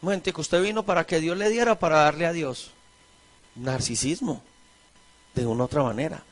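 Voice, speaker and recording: A middle-aged Colombian pastor with a high, bright voice delivers a lively sermon. He shifts into little voices to mimic churchgoers and disciples, then snaps back to preaching. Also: fairly quick. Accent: Colombian Spanish.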